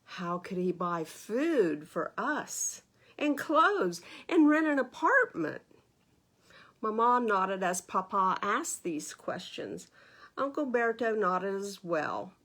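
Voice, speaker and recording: A librarian at children's storytime reads a picture book aloud with plenty of expression, pausing for asides and questions to her young listeners. Her voice sits on the high side and has a fairly bright tone.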